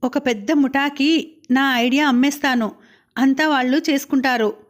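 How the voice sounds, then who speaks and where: Woman reading pushy young schemer, diamond heist planner, audiobook, high voice. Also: steady tone, normal speed, lightly acted. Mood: scheming. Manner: pushy and persuasive.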